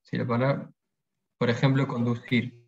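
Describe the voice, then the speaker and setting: A man's voice: medium pitch, little pitch movement, moderate pace, gravelly, a little mellow. A man teaching a pronunciation workshop, explaining patiently and repeating example words. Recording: dull lo-fi sound.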